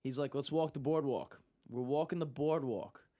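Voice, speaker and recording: A man's voice: medium pitch, moderate pace. A young man telling a story in casual talk, acting out what people said. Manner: animated, acts out quotes. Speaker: guest.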